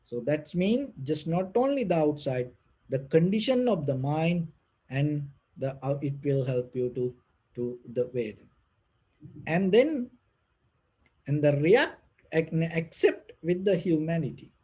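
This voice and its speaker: Male meditation teacher, non-native English, breathy and husky, unhurried delivery with long pauses, gentle Dhamma talk. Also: on the high side, expressive, low-quality recording. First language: not English. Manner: gentle, halting, with frequent pauses and repeated phrases. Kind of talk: unscripted spiritual talk.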